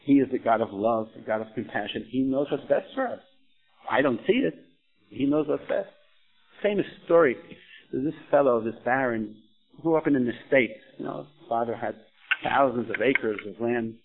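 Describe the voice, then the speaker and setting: Over a tinny, phone-like line with faint noise, a man with a medium-pitched, creaky, slightly breathy voice earnestly explains his religious views at a moderate pace. He tells stories and asks questions as the discussion unfolds.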